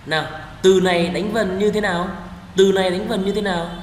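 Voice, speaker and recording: A man with a Vietnamese accent teaching English pronunciation, repeating each word slowly and spelling out its sounds. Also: high voice, fairly even intonation, a little hiss or hum. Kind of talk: slow pronunciation drill. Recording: echoey room with long reverb.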